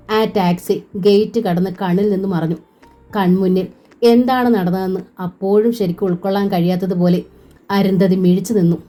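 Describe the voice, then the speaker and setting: Woman narrating a novel over soft music. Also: medium pitch.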